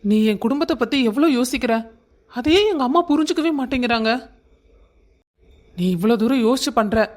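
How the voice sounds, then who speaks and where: A man's voice: extremely high pitch, animated, fairly quick. A performer voicing a loving young husband who soothes his wife. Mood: soothing. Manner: soothing, affectionate.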